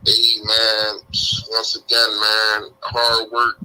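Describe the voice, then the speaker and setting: Low-voiced sleepy caller over a speakerphone, bright and forceful tone, muffled and far off. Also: male voice, completely flat delivery, takes it slowly, smooth. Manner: drowsy, just woken up. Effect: heard over a phone on speakerphone. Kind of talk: casual chat.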